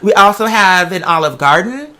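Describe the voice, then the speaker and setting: An American creator chats in a rambling, digressive vlog monologue, sassy and campy with theatrical flair and lots of drag slang. The voice is medium-pitched, expressive, and sharp, at a moderate pace.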